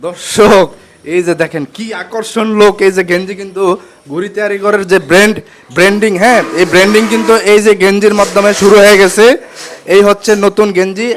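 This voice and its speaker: Excited fast-talking man. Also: high voice. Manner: excited, repetitive, chatty. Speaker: vlogger. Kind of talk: casual vlog, addressing viewers.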